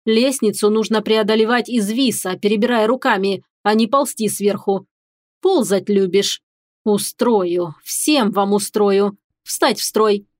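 A woman voicing a cruel, sneering female drill instructor in an audiobook, spitting out insults slowly and with contempt. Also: mid-range voice, no room sound, clean studio sound, lightly acted. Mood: contemptuous. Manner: slow, spat-out insults, contemptuous. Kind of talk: audiobook character voice.

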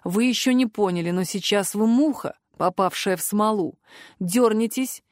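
A woman voicing a cold, sarcastic male academy curator in an audiobook, speaking in low, measured, clipped commands. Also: no echo, clean studio sound, lightly acted. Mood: cold stern. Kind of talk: audiobook character voice.

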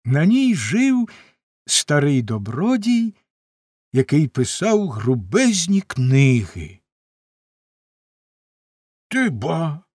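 A man's voice: a little high, big pitch swings, slow pace, darkish tone, dry recording, studio quality. A man reading a children's storybook aloud as narrator.

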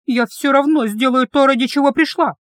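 A fiery, defiant young woman yells at her captor in a high, strained voice, as a woman reading the story puts her on. Her pitch leaps about with indignation. The sound is close and dry. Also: expressive, brisk, dry recording, natural voice. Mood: furious. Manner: shrill and indignant, shouting threats. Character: hot-tempered young woman, defiant captive.

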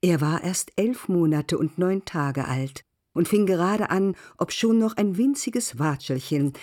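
A narrator giving a measured, softly expressive literary radio reading. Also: mid-range voice.

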